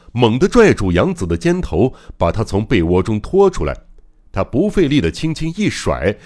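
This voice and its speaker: A man's voice: medium pitch, a little mellow. A man narrating a mystery novel as an audiobook, in a dramatic, suspenseful reading. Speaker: audiobook reader.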